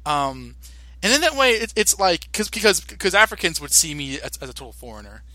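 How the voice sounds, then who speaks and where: Bright, animated young man chatting. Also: fairly high pitch, no echo. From United States. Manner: animated, halting with many restarts and fillers. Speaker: podcast co-host. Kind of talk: casual podcast chat.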